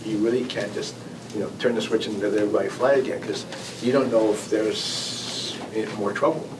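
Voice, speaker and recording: Speaking from far off in a noisy club meeting room, a former air traffic control manager gives an informal presentation and answers audience questions. His voice is on the low side with fairly even intonation, and he talks haltingly, often rephrasing and repeating words.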